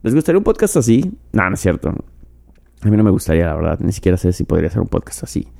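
A man's voice: low voice, very animated, fast, gravelly, dark tone. A man with a Mexican accent hosting a podcast alone, rambling and joking with profanity while drinking. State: drinking mezcal while talking. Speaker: podcast host. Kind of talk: casual solo podcast monologue.

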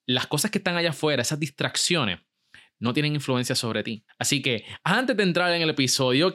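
Energetic male podcast host. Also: mid-range voice. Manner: energetic, mixes English words into Spanish. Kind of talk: motivational podcast monologue.

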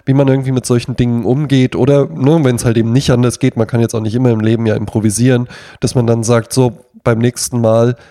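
A man's voice: medium pitch, level tone, quick pace, dark tone, dry recording, studio quality. Guy chatting on a podcast, rambly, lots of fillers. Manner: rambling, filler-heavy reflections. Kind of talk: casual conversation.

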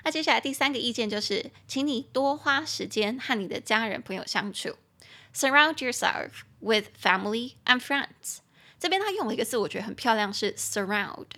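Bright, cheerful Taiwanese woman teaching English. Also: a little high, lively intonation, fast talker, hardly any pauses, husky. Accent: Taiwanese Mandarin. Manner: cheerful, giggly, spells words out letter by letter. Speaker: podcast host and English teacher. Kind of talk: casual bilingual language lesson.

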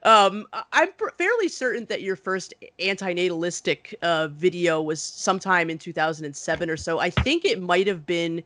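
High-voiced, deferential male interviewer. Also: lively intonation, moderate pace, few pauses, bright, forceful tone. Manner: hesitant, deferential, agreeable. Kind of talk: casual interview questioning.

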